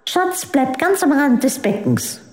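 A woman's voice: sits high, sing-song, unhurried, darkish tone, voice pushed up. A woman voicing a caring, anxious mother who fusses and soothes. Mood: worried. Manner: fussing, soothing. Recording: echoey room with long reverb.

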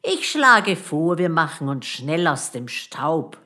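In a storybook reading, a woman plays a dismissive young boy who scoffs at everything. He speaks slowly and in a matter-of-fact way, with a fairly low voice. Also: very animated, bright, forceful tone, exaggerated voice. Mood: scoffing.

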